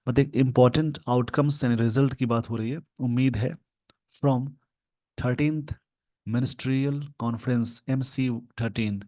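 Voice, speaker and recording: A man with an Indian accent teaching English in Hindi, explaining an editorial word by word and slowing down to read the English phrases. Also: medium pitch, steady tone, mellow, no room sound. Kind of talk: Hindi-language English lesson reading an editorial.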